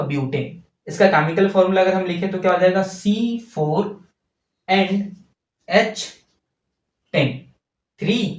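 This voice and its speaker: Working slowly through chemistry at the board, a man poses questions to his class and supplies the answers himself. His voice sits high. The mic is far off in an echoing room, giving a dull, lo-fi sound.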